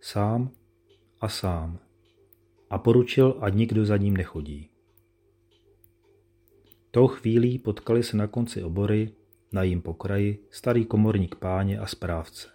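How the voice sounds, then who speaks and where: Low, mellow male storyteller. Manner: measured, solemn storytelling. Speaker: narrator. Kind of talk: scripted narration of a classic tale.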